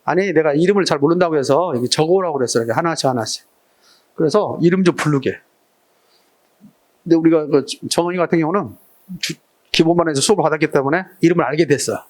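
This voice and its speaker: High-voiced man lecturing a class. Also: fast talker. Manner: banmal, quizzing students with short questions. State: throat irritated, clearing it often. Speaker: exam prep teacher. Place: classroom with students.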